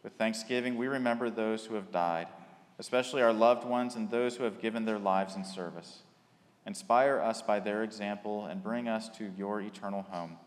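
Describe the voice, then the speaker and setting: A man leading liturgical prayers in a slow, measured way, his voice carried by a long cathedral-like echo in a large church. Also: lowish voice, steady tone. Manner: slow, measured litany delivery. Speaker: worship leader. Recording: reverberant church hall.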